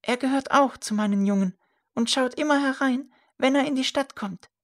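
An evasive, motherly old woman, as a woman reader puts her on, speaking high and thin with a waver. The voice rises far above the reader's own low register. A quiet, shrinking old woman from an audiobook. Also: normal speed, close to an everyday voice.

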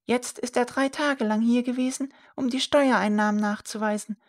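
A woman voicing an evasive, motherly old woman in a storybook reading, in a high, thin, wavering voice. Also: fairly even intonation, moderate pace, natural voice.

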